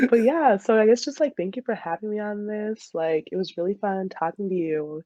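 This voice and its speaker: Speaking at normal speed in a mid-range voice, this American woman in her twenties is a soccer player guesting on a podcast. She's giggly and casual, spinning animated stories and acting out quoted dialogue.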